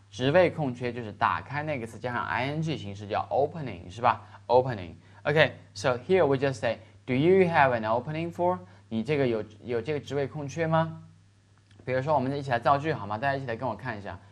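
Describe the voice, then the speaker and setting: A man teaching English vocabulary in Chinese, stretching out the English examples slowly and checking in with his listeners. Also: mid-range voice, animated. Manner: explains in Chinese with slow, drawn-out English examples and frequent "是吧" checks. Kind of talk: classroom lesson explaining vocabulary.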